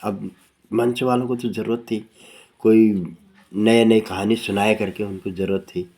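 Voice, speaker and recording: A man telling a folk story in casual speech, rambling and repeating himself, losing his thread and circling back, with quick pitch jumps when he quotes characters. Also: fairly even intonation, a little mellow. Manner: rambling, repeats "bola" often, loses track and circles back.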